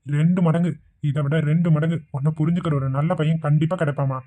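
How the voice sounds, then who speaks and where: A woman's voice: low voice, steady tone, fast, dark tone. A woman voicing a kindly elderly man in a cartoon who frets while minding a crowd of children. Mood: gentle. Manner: fretful, flustered. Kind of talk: cartoon voice acting.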